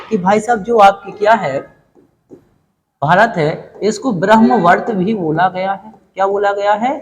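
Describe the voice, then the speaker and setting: A man's voice: high voice, slight background noise. A male teacher giving a classroom lecture, asking questions and answering them himself, repeating key words with folksy, joking asides. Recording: long hall reverb.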